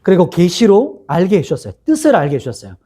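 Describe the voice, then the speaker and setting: A man's voice: sits high, fast, slightly rough. A man preaching a sermon as pastor, reading scripture aloud, asking the congregation questions and acting out quotes. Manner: lively, asks the congregation questions and acts out quotes.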